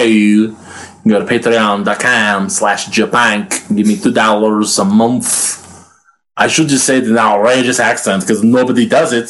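A man talking as a guest on a casual podcast, rambling and swearing a lot, with bursts of rapid talk. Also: on the low side, rough recording. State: hungry. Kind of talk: casual chat.

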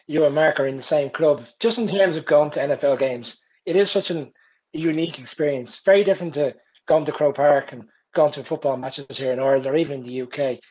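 Male interviewer, fast and husky, conversational, recorded lo-fi. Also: a little high, darkish tone. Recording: dull, lo-fi sound.

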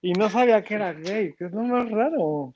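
A young man with a Mexican accent, telling childhood stories in casual chat with an animated, gushing manner. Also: high voice, moderate pace, highs cut off, a little hiss or hum.

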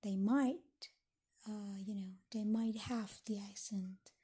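This educational podcast features a young Indonesian woman, Indonesian her native language, thoughtfully explaining English learning and reading from a handout. She speaks slowly in a steady, medium-pitched voice that is dark and husky.

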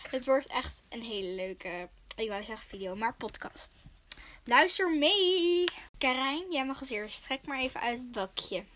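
A woman's voice: on the high side, normal speed, hardly any pauses, fairly bright tone, a little hiss or hum. A young teenage girl hosting a podcast in a casual, chatty way. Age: child or young teen. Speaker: podcast host.

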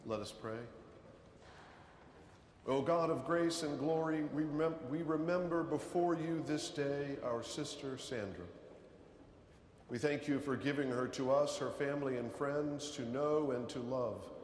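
A man serving as officiating priest, reading funeral prayers in a measured, solemn way, his voice carrying a cathedral echo. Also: fairly high pitch, a little mellow, slight background noise. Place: large cathedral. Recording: roomy cathedral echo with long reverb, faint ambience.

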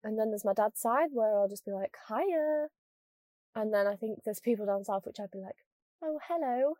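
A woman's voice: medium pitch, little pitch movement, fast, darkish tone, dry recording. A young woman from Scunthorpe with a northern English accent, chatting casually to camera in a jokey, self-deprecating way. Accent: northern English, Lincolnshire. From Scunthorpe, northern England.

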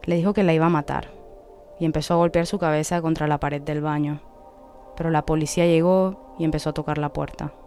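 A narrator reading scripted documentary narration in an even, matter-of-fact way. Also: medium pitch, fairly quick, faint music behind.

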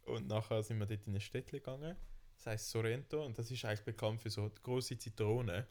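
A young man with a Swiss German accent telling a funny travel story in casual chat, lively and laughing often. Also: lowish voice, brisk. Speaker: podcast co-host.

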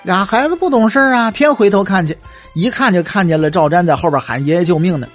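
A man's voice: high voice, animated, a little fast, a bit bright, soft background music. A man, telling history as humorous, chatty storytelling with wry asides.

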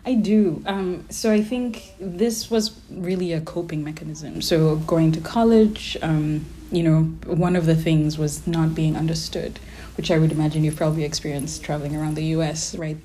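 A woman's voice: sits low, steady tone, normal speed, few pauses, dark tone, slight background noise. A woman in her thirties from Kenya with an American-sounding accent and a slight Kenyan trace, speaking reflectively and casually in an interview. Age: 30s.

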